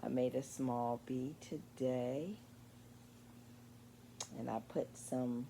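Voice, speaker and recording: A woman in her sixties showing her crochet work in a casual vlog at home late at night, sleepy and meandering, with many pauses and ums. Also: a bass voice, fairly even intonation, dark tone, a little hiss or hum. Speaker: crochet vlogger. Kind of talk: casual show-and-tell vlog.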